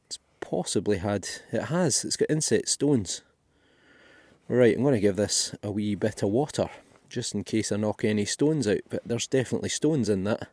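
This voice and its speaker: A man's voice: lowish voice, expressive, normal speed, darkish tone, dry recording. A Scottish man giving chatty, thinking-aloud commentary as he digs finds in a field for his metal detecting vlog. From Scotland. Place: outdoors in a field.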